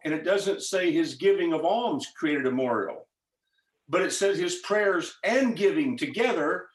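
A fervent man preaches over a video call in a somewhat high voice. He urges his listeners on, swinging from loud exhortation to hushed intensity. The room around him rings with echo. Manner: fervent, rising to loud exhortation, then dropping to intense quiet urging.

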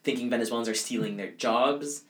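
A young man, a college student, answers interview questions in a casual, conversational way, often restarting and leaning on fillers like "like" and "um." His voice is medium in pitch, fairly bright, and he talks fairly quickly.

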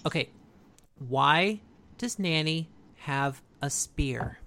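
A podcast co-host recapping an episode in casual, informal and animated storytelling. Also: medium pitch, slow, gravelly.

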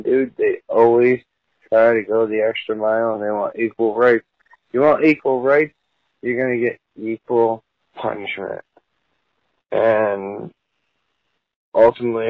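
A man's voice: mid-range voice, no echo. A drunk man leaving a rambling, crude voicemail message, heard over a landline phone. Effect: heard over a phone line as a voicemail. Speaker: voicemail caller.

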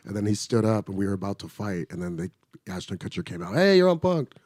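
A middle-aged man, an actor, casually telling a show-business story, animated and swearing freely. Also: low voice, quick pace, slightly rough, no room sound, clean studio sound. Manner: animated, acts out quoted voices, swears freely.

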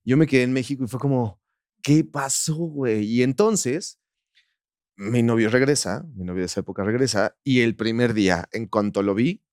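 A man's voice: mid-range voice, clean tone, dry recording. Mexican male guest, casual storyteller who acts out quoted lines, mid-range voice, dry studio sound. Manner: animated, acts out quoted dialogue.

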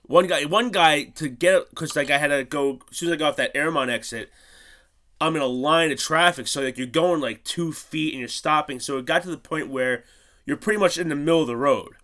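A laid-back man chats casually, swearing freely and laughing often. His voice is a little high and bright, with a forceful edge. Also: fairly quick. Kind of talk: casual chat.

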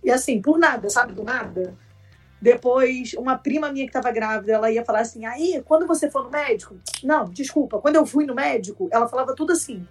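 A young woman's slightly high, husky voice tells a story to listeners in a chatty podcast style. She sits a bit back from the mic, with faint music underneath. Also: expressive, fairly quick, recorded from a distance. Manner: chatty, addresses listeners directly. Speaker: podcast host. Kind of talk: casual storytelling chat.

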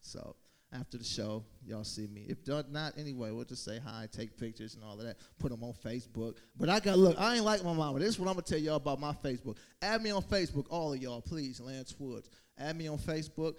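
A man's voice: medium pitch, brisk. A man doing casual stand-up comedy, chatting informally and directly to the crowd.

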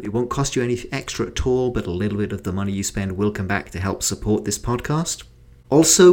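A man hosting a podcast, running a quiz and chatting casually with fillers. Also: mid-range voice. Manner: relaxed, chatty, with frequent fillers. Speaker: podcast host.

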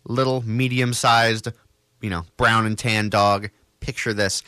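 A man's voice: fairly low pitch, steady tone, unhurried, pushed and bright, clear, resonant tone, no room sound, studio quality. A young man hosting a college radio show, chatting casually and telling stories in a rambling, self-correcting way. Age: young adult.

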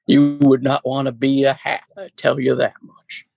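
A man playing a weary, touchy talking hat in improvised comedy, grumbling and self-pitying in a gravelly voice. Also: medium pitch, completely flat delivery, moderate pace, darkish tone, dry recording, muffled recording, faint music behind. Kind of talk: improvised comedy sketch acting.

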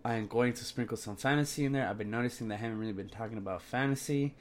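A man's voice: medium pitch, racing, slight background noise. A young man talking sports on a solo podcast in a brash, slangy, sweary frat-bro manner, sounding sick and tired.

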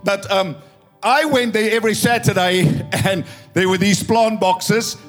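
A high-pitched South African man in his fifties, a pastor, speaks at a measured pace over faint music in church. Though his voice sounds tired, his story-driven sermon in English and Afrikaans is emphatic and builds to loud proclamation.

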